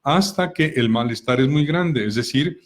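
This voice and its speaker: Calm man explaining with examples. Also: medium pitch, moderate pace. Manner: calm, explanatory, asks many rhetorical questions. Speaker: co-host of a personal growth talk.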